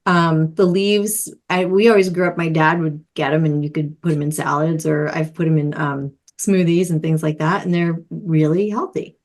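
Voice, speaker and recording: A woman's voice: low-pitched, fairly even intonation, normal speed, hardly any pauses, a little mellow. A woman co-hosting a podcast in casual chat, enthusiastic and chatty, often trailing off with fillers. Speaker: podcast co-host.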